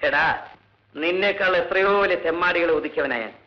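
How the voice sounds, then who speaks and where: A man's voice: fairly high pitch, a little fast, natural voice. An actor playing a stern male police officer who lectures a prisoner. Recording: dull old film soundtrack.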